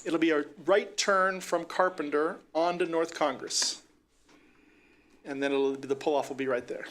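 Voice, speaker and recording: A man with a somewhat high voice runs a council meeting from the chair. He calls agenda items in a courteous, procedural way and speaks into a desk microphone in the council chamber. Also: fairly even intonation, unhurried, a bit bright. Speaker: council president.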